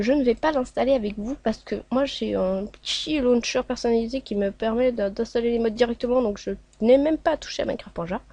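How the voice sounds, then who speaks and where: A woman with a somewhat high voice hosts a casual tutorial, narrating each step as she goes. She hesitates often and fills pauses with drawn-out filler sounds. The recording is dry, with no room sound. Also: a little mellow, no room sound. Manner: hesitant, many filler sounds, talks along while clicking. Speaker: tutorial host.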